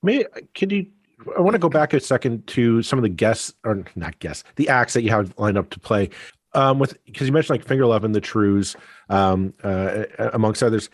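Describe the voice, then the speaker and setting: A man's voice: on the low side, expressive, moderate pace, no room sound, studio quality. A man hosting a podcast, asking long rambling questions with many restarts. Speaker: podcast host. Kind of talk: casual podcast interview.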